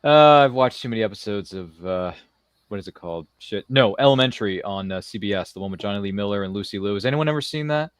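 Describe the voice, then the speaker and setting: A man hosts a podcast interview in a casual, jokey, rambling style, often repeating his phrases during the live chat. His lowish voice is expressive, fast, and smooth, captured in a dry, clean studio recording.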